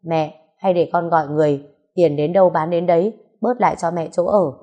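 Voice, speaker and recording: A woman's voice: fairly low pitch, steady tone, fairly quick, mellow, highs cut off, natural voice. A woman reading the part of a firm, earnest middle-aged man pressing his mother. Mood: persuading. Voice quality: earnest, persuasive.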